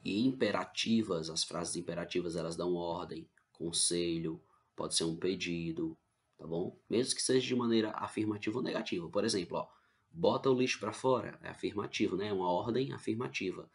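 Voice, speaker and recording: A male teacher with a Brazilian Portuguese accent explains grammar patiently in an online class, often checking in with his students. His voice sits low and his pace is brisk.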